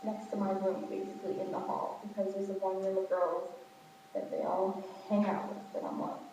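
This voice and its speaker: A woman's voice: level tone, normal speed, background noise. A young woman, a college student, chatting casually to her friends with lots of fillers, in a dorm hallway where her voice echoes heavily. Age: young adult. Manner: chatty and rambling, many fillers. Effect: heavy echo from a big hall. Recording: booming hall echo, far from the mic, dull.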